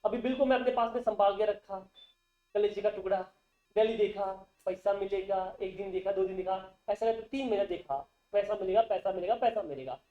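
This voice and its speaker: A man's voice: sits high, steady tone, a little fast, dark tone. A male accountancy teacher giving a classroom lecture, constantly asking the class questions and repeating terms back. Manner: quizzes the class with call-and-response questions. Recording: dull, roomy classroom recording.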